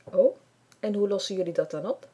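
A woman's voice: mid-range voice, fairly quick, slightly rough, close to an everyday voice. Woman doing a cheerful man calling to the kids. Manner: calls out loudly to a group of children. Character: friendly grown man, club leader.

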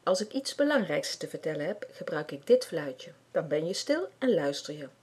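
A woman voicing a friendly grown man who leads a children's building club and calls out loudly to the group. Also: sits low, big pitch swings, moderate pace, husky, heavily acted. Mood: cheerful.

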